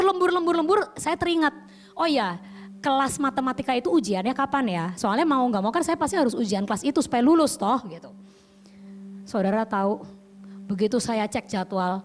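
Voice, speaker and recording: A woman evangelist giving a testimony sermon, telling her story with lively drama and asking the listeners direct questions. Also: fairly high pitch, slight background noise. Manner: lively storytelling, acts out her own past panic and prayers. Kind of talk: testimony sermon to a youth service.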